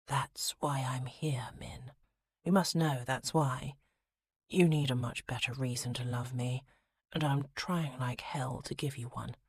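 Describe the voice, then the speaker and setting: A woman voicing a charming, rakish young lord who teases playfully and drops into hushed, intimate tones. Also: rumbling low, measured pace, husky, exaggerated voice. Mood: whispered. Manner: teasing, turning hushed and intimate.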